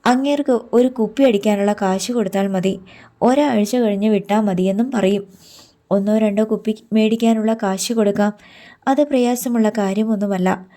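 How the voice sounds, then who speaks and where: Coy thirty-year-old village maid, voiced by a woman reader: teasing, mock-sulky, mellow and slightly lifted. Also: medium pitch, fairly even intonation, normal speed, close to an everyday voice. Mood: coaxing. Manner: coaxing, mock-sulky questions.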